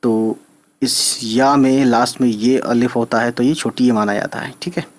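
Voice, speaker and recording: A man's voice: medium pitch, fairly even intonation. A man teaching an Urdu reading lesson, patiently spelling out letters and checking in with his learners. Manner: patient, spells letters out slowly, often asks "right?".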